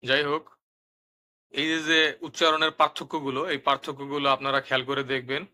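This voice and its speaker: A man narrating a step-by-step language lesson, explaining pronunciation rules and repeating each example word twice, slowly and clearly. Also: medium pitch, little pitch movement, bright, forceful tone. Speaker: language teacher.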